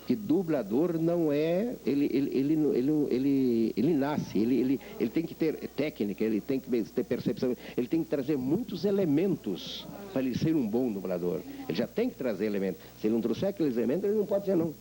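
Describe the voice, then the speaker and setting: An older man, a veteran voice actor, being interviewed and telling animated stories about his craft. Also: mid-range voice, fast, few pauses, rough recording. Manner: animated storyteller, acts out voices. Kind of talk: reflective interview talk.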